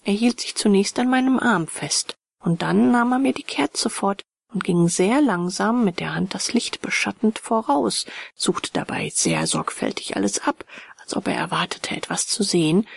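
A woman narrates a ghost story at a measured, hushed pace, often slipping toward a whisper. Her voice is husky with a gravelly fry, and the sound is dry and close. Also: medium pitch, dry recording. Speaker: audiobook narrator.

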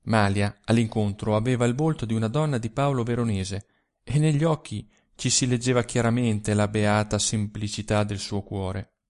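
A man narrating a literary short story for a volunteer audiobook in an expressive reading style. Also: on the low side, moderate pace.

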